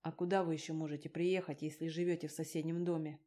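A woman reading the part of a rough, angry young man who barks out blunt, scornful replies in an audiobook. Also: low voice, little pitch movement, fast, warm tone. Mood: gruff.

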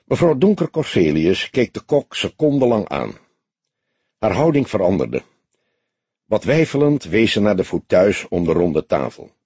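A man narrating a detective audiobook in measured, lively scripted narration. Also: lowish voice, breathy edge, no room sound.

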